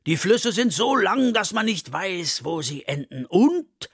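A big, gentle elephant, as a man puts him on for a storybook, talking slowly and full of longing. The voice is a little gravelly and close, in a dry room. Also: sits high, very animated, dry recording, voice pushed up, exaggerated voice. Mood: wistful. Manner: slow, longing, soft-spoken. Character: gentle, wistful male elephant, big and slow.

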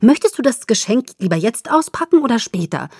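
A woman's voice: lowish voice, big pitch swings, moderate pace, darkish tone, husky, dry recording, clean studio sound. A woman voicing an eager, cheerful young woman in an audiobook, bubbly and emphatic. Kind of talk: audiobook character voice.

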